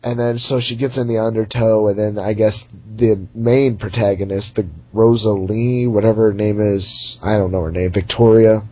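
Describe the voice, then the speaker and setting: A man's voice: on the low side, fairly even intonation, moderate pace, few pauses, mellow, no room sound, muffled recording. A young man giving a rambling, sarcastic recap of a movie in casual chat, recorded at home on a computer mic. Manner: rambling, sarcastic, mocking character voices. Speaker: movie reviewer.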